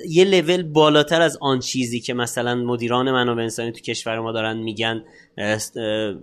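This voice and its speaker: A man co-hosting a casual podcast, explaining his points one by one. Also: medium pitch. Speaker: podcast co-host.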